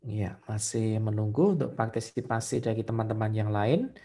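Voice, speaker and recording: A man's voice: on the low side, moderate pace, warm tone. A man teaching a live online English test-prep lesson, speaking patiently and mixing English and Indonesian phrases.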